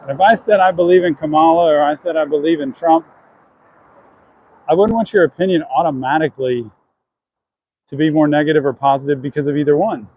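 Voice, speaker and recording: A man's voice: a little high, a little fast, pauses often, narrow, tinny audio, slight background noise. A man chatting earnestly to his viewers while walking down city streets, answering questions from chat.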